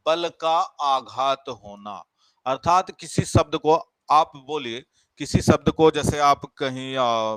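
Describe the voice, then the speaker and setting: Bright-voiced male grammar teacher. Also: on the high side, dry recording. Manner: explains by repeating and asking the class questions. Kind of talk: live online grammar class.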